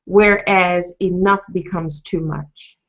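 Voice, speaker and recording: A woman's voice: on the low side, fairly even intonation, slow pace, a bit bright. A woman hosting an interview, asking searching, rambling questions with many fillers. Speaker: host. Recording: dull lo-fi sound.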